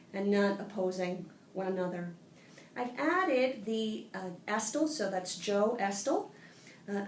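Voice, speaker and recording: Woman voice therapist, calm instructional delivery, tablet recording in an echoey room. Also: mid-range voice, distant mic, a little hiss or hum. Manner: calm explanatory, demonstrates sung vocal sounds. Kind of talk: instructional voice exercise lesson. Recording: roomy tablet recording with faint ambience.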